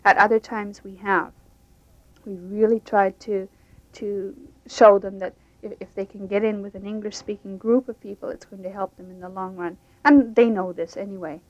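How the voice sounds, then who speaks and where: Heard through a dull, dry lo-fi radio recording, a woman speaks at a moderate pace with medium pitch and fairly even intonation. She teaches English to immigrants and describes her programs plainly in unscripted interview responses.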